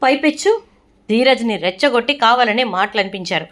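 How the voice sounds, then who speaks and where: A woman voicing a stern, angry middle-aged family patriarch in a retold serial, scolding and shouting. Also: a little high, animated, a little fast, voice pushed up.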